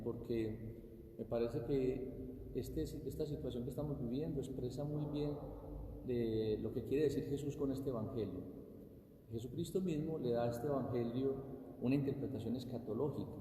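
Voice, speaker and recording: A man's voice: medium pitch, warm tone. A man, a priest, giving an informal homily and searching for his words as he goes. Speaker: priest preaching. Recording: echoey church, distant, noisy.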